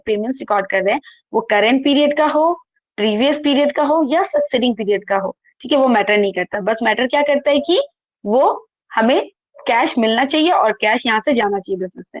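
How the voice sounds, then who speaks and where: A woman's voice: high-pitched, no room sound, lo-fi sound. A woman teaching accountancy in an online class, reading from the textbook and explaining each point, asking and answering her own questions. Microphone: laptop microphone.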